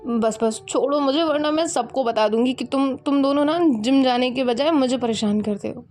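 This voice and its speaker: A woman voicing a playful, teasing young woman who banters quickly. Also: high voice, darkish tone, soft background music, natural voice. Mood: laughing protest.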